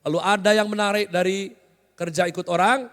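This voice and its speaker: Male pastor, high voice, joking conversational sermon with questions to the room, long hall echo. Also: steady tone, fairly quick, a bit bright. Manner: joking, conversational, often quizzes the congregation. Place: large hotel hall used as church.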